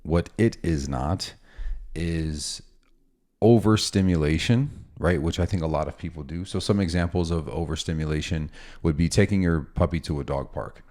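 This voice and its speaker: A man who works as a dog trainer, talking casually and explaining with examples and asides in a relaxed, instructional way. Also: rumbling low.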